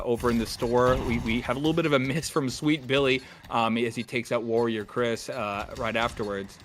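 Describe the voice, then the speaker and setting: Casting note: male co-caster, mid-pitched voice, wisecracking play-by-play, faint hiss behind. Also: fairly bright tone. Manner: joking, quick play-by-play with asides. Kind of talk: play-by-play esports commentary.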